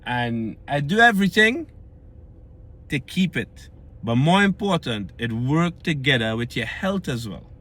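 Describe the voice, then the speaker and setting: With a Trinidadian accent and a bright, pushed, very animated voice of medium pitch, this man speaks a little slowly in a casual fitness vlog. He earnestly covers shedding weight and keeping it off, often asking "right?".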